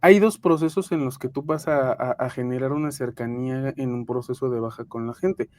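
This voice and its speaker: A woman's voice: very deep voice, normal speed, a little mellow, no room sound. A Mexican woman co-hosting a podcast, explaining human resources in a frank casual chat with many fillers and restarts, connecting remotely from home. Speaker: podcast co-host, HR professional.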